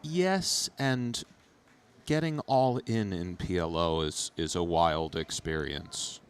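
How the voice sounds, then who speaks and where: A man giving analytical poker commentary and casual chat in a measured, thoughtful way. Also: deep voice, clear, resonant tone.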